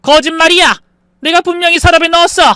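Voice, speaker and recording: A man voicing an indignant older mother-in-law in a story, protesting in sharp outbursts. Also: sits high, big pitch swings, fairly quick, clear, resonant tone, no echo, studio quality, pitched above the performer's own voice, exaggerated voice. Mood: outraged.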